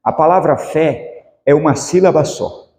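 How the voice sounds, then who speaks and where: A man's voice: fairly high pitch, a little slow, vocal fry, darkish tone. A man preaching a sermon as pastor, asking the congregation rhetorical questions. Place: church. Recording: echoey church hall with long reverb.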